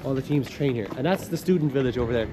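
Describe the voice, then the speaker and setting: Recorded outdoors over clear traffic and street noise, a young man leads an informal walking tour. His voice sits at an average pitch. He explains things in a chatty, enthusiastic, loosely phrased way, like a student guide. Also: fast. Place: outdoors, walking around a campus. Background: clear urban ambience and traffic noise.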